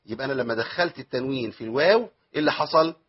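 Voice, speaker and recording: In a muffled recording, a man with an Egyptian accent races through a lesson on Quran recitation rules in a medium-pitched, slightly rough voice. He asks himself questions and answers them, stretching out the verses he recites as tajweed examples.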